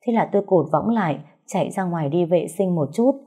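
Low husky woman narrating a story. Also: a little fast, warm tone. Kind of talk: first-person story narration.

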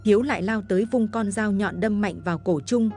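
A woman's voice: medium pitch, fairly quick, darkish tone, soft background music. A woman narrating a gory horror story in a dramatic, vivid way.

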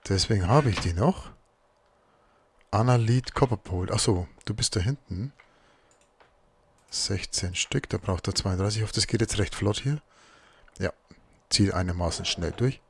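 A man's voice: fairly low pitch, moderate pace, pauses often, slight background noise. A man giving casual let's play commentary, muttering to himself as he works through crafting.

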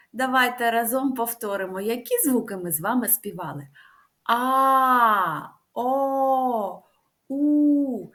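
A woman speech therapist giving a lively, sing-song lesson to young children, stretching out the vowel sounds. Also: mid-range voice.

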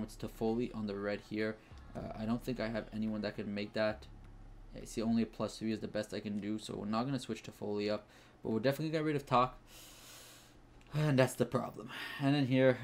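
A man's voice: lowish voice, little pitch movement, fast talker, a little hiss or hum. A man giving casual, think-aloud commentary over his gameplay, with frequent fillers and restarts. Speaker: gaming channel host.

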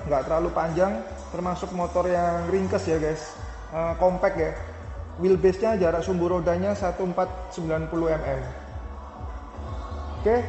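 A man reviewing a motorcycle for his motovlog casually points out its features and specs, chatting with fillers and self-corrections. He has a high-pitched, slightly mellow voice, heard in the echoey space of a large hall.

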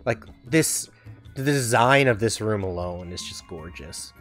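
A man's voice: on the low side, lively intonation, unhurried, a bit bright, soft background music. A man giving casual let's-play commentary in a chatty, giggly, rambling way with many fillers. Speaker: gaming video host.

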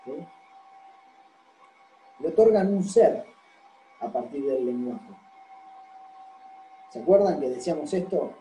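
A man's voice: fairly high pitch, lively intonation, takes it slowly, pauses often, warm tone, reverberant, a little hiss or hum, low-quality recording. A man giving a university lecture. He explains patiently and keeps checking that the class follows. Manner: explanatory, constantly checks understanding with "¿sí?".

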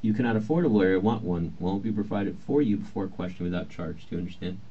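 An old, muffled interview-room tape with faint hiss captures a male police detective questioning someone. His low, mellow voice moves fast, and his approach is polite, procedural and reassuring.

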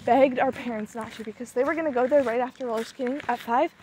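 A woman's voice: fairly high pitch, fairly even intonation, quick pace, warm tone. Rambling young woman vlogging outdoors. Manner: talkative, rambling. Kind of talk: casual vlog chat. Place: outdoors, walking across an open camp. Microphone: phone at arm's length. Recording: noisy outdoor phone recording.

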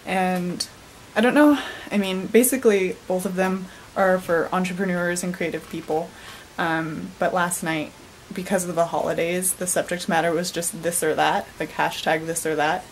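Young woman, vlog chat, slightly low voice, faint background hiss, handheld camera, home bedroom. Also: fairly even intonation, normal speed, rough recording. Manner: chatty, filler-heavy. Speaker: vlogger. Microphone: handheld camera at arm's length.

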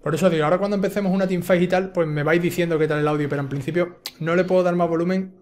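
A man with a Spain Spanish accent streaming a game live, chatty and quick to swear and yell when startled. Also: high voice, steady tone. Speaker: gaming streamer. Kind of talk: live gameplay commentary.

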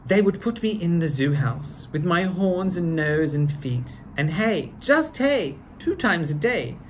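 Reading a children's story in a living room with a piano, this middle-aged man with a British accent co-hosts a read-aloud channel for kids. His delivery is genteel, theatrical and very animated, with a voice on the high side at a measured pace. The audio is poor, with a little hiss or hum.

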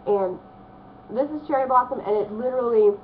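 A young woman with a slightly hoarse voice from a cold, chatting casually at her desk at home in a rambling vlog, with lots of ums. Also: a little high, brisk. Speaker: vlogger. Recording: phone-like narrow band, faint hiss.

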